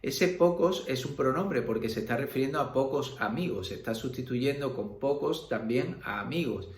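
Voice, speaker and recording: A man's voice: mid-range voice, lively intonation, moderate pace, slight background noise. Male teacher, patient and filler-heavy, recorded in a roomy space. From Spain. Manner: explains patiently with many fillers and checks like "¿vale?". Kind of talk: recorded grammar lesson. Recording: roomy echo.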